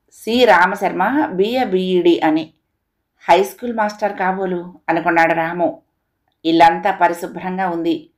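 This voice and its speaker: A woman storyteller reads a moral tale for children. Her delivery is steady and expressive, paced for young listeners. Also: fairly low pitch.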